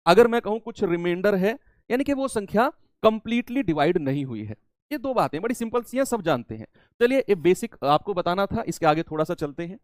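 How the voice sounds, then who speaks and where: A man's voice: high voice, expressive, brisk, no echo, studio quality. A man teaching a maths lesson, explaining step by step and repeating the key terms, sometimes answering in his students' voice. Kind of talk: classroom maths lecture.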